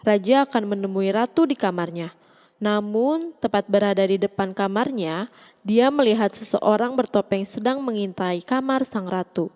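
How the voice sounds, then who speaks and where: A woman's voice: mid-range voice, darkish tone, big-room sound. A woman reads a scripted story recap as the narrator. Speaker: narrator recapping a drama series.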